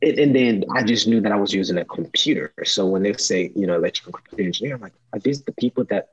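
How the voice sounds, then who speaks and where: A young man from Rwanda hosts a relaxed video-call interview. His voice is very deep and a little husky, and the call audio sounds slightly dull. He talks upbeat and casually, with frequent laughs. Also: fast. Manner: upbeat, laughs often, many "you know"s. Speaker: podcast host. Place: small room at home.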